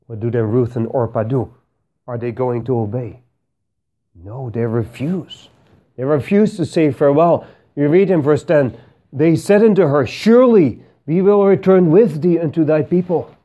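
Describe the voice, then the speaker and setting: Male preacher, warm dark tone, earnest emphatic sermon delivery, direct appeals to the congregation. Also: mid-range voice.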